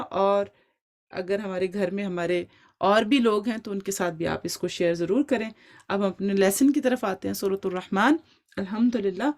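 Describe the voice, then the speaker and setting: A woman teaching Quran recitation in an online class, with speech, explaining step by step and checking in often with her students. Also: mid-range voice.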